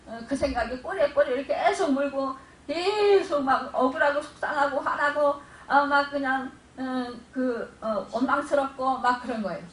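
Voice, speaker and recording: A woman's voice: sits high, moderate pace, few pauses. A middle-aged woman pastor preaching a sermon, retelling a story and acting out tearful prayers with strong emotion. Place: church sanctuary. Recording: echoey room, mic far off, faint ambience.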